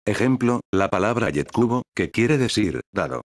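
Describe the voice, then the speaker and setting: Male text-to-speech voice, synthetic reading, lowish pitch, dry sound, educational narration. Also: big pitch swings, moderate pace, dry recording.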